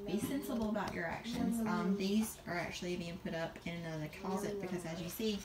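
A young Southern vlogger chats casually in her home kitchen during a grocery haul, handing out advice with plenty of ums. Her voice is medium-pitched and quick, with crowd noise in the background.

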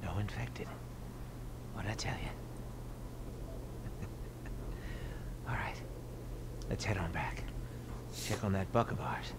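An actor playing a measured, folksy survivor-group leader in a video game. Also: male voice, sits low, in a whisper. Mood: calm persuasive. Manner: measured, folksy, quietly menacing. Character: calm, persuasive adult male survivor-group leader. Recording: game audio with clear background noise.

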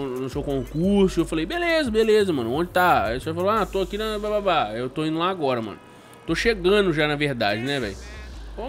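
Brazilian man, gaming host, slangy, excitable, high voice, faint music underneath. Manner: excitable, slangy, constantly saying mano. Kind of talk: casual gameplay commentary.

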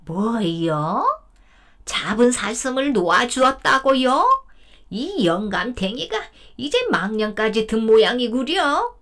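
A woman's voice: fairly high pitch, sing-song, slow pace, fairly bright tone, exaggerated voice. Woman doing a nagging old grandmother. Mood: scolding. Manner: scolding, sarcastic old woman's voice.

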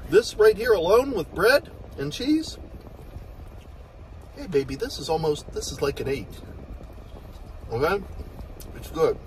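A man's voice: fairly high pitch, expressive, measured pace, long pauses, slight background noise, low-quality recording. A chatty, enthusiastic man reviewing food, talking while chewing. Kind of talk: casual food review vlog.

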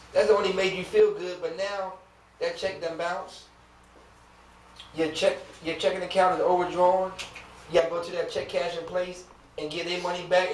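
A man's voice: high-pitched, slight background noise. A male preacher delivering an emphatic sermon in a church, asking rhetorical questions with humor and chatty asides to the congregation. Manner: casual conversational asides to the congregation. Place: church sanctuary. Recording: echoey room, mic at a distance.

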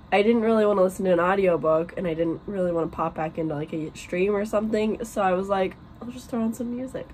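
This rough recording, with slight background noise, captures a young woman in her twenties vlogging from her small bedroom at home. Her voice sits on the low side and is worn and fading as she rambles through casual chat and book talk, full of fillers.

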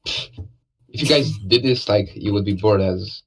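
A man's voice: fairly low pitch, unhurried, husky, rough recording. A man casually commentating a live esports match, laid-back and joking, with lots of fillers.

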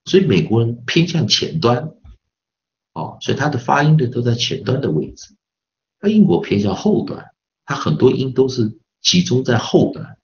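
A man's voice: mid-range voice, sing-song, moderate pace, highs cut off. A man teaching English pronunciation in a recorded online lesson with a Taiwanese Mandarin accent, patiently repeating sounds over and over to demonstrate them.

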